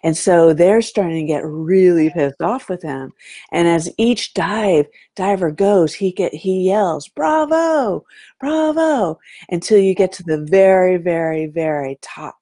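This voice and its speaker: A woman telling a story in a casual talk, animated and often checking in with "right?". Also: fairly low pitch, measured pace, no room sound, studio quality. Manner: animated, fond of saying "right?" to draw the listener in.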